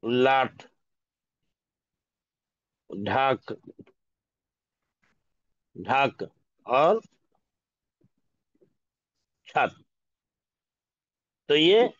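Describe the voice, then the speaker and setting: A man teaching an Urdu lesson, sounding out each word slowly and asking questions to check that his students follow. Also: a little high, dry recording, highs cut off. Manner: slow, repeats each word and asks questions. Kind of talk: classroom lesson.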